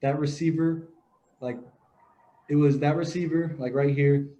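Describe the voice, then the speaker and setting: A young man co-hosting a casual sports podcast, telling stories in a relaxed, rambling way with many fillers. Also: on the high side, measured pace. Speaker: podcast co-host, grandson. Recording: dull lo-fi audio.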